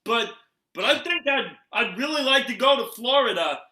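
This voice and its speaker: Brief: man plays a dim, eager brick-built toy man, very bright and high, echoey room. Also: expressive, normal speed, heavily acted. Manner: eager, rambling, full of filler sounds. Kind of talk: improv comedy game.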